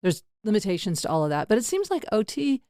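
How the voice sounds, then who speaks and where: A woman's voice: mid-range voice, big pitch swings, quick pace, warm tone, no room sound. Frank, chatty middle-aged woman host. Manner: frank, rambling, laughs often. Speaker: podcast host. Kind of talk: candid casual interview chat.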